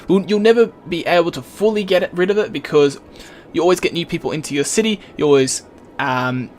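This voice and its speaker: A man's voice: fairly high pitch, a little hiss or hum. A man hosting a gaming video, talking through his moves in a casual let's play commentary while he plays. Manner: relaxed, thinking aloud while building. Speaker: gaming channel host.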